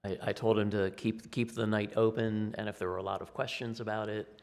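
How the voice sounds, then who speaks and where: A man briefing a city council in casual meeting talk, with a low gravelly monotone. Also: fairly quick. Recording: long reverb of a large chamber.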